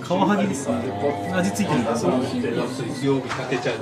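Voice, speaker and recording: A man's voice: high-pitched, lively intonation, quick pace, loud music behind the voice, poor audio. A man in his thirties running a sushi counter, chatting casually as he explains his fish while he works. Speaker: sushi restaurant manager. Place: sushi counter in a small restaurant.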